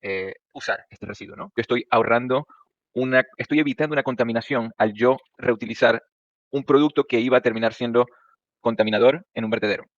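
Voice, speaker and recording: Fast-talking Venezuelan man, dry and dull. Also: medium pitch, no echo. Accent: Venezuelan Spanish. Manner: hesitant, many fillers and tag questions. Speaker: startup founder. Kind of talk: casual explanation to a mentor.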